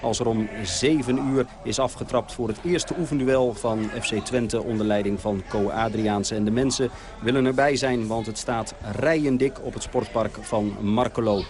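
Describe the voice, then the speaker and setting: Male field reporter, even mid-range voice, calm scripted delivery. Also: mid-range voice, moderate pace. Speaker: sports reporter. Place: outdoors at a sports field.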